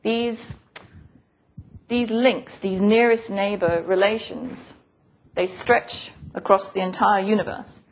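A woman takes it slowly as she gives an academic physics lecture, her medium-pitched voice holding a steady tone. She explains in a thoughtful, professorial way, hesitating and repeating phrases. Clicks and noise run through the recording.

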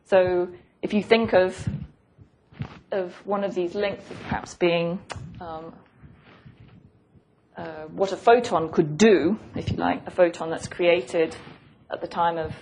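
A woman's voice: fairly low pitch, steady tone, slow pace. A woman giving an academic lecture, explaining in a thoughtful, professorial way, hesitating and repeating phrases as she goes. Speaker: physics lecturer. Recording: noisy lecture recording with clicks.

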